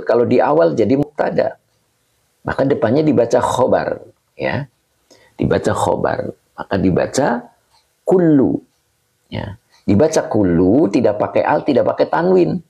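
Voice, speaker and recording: A man teaching as a religious teacher, reading a classical text slowly, patiently repeating each term and asking his listeners questions. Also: mid-range voice, expressive, vocal fry, warm tone, slightly rough. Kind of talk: slow kitab reading and grammar lesson.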